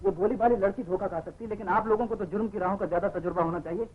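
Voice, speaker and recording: An impassioned young suspect , played by an actor, argues his innocence in a high, urgent voice. The sound is the muffled soundtrack of a 1950s film, with a faint hiss underneath. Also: very fast, lightly acted. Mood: pleading. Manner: impassioned, argumentative. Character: young man accused of murder, defiant then pleading. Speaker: accused suspect.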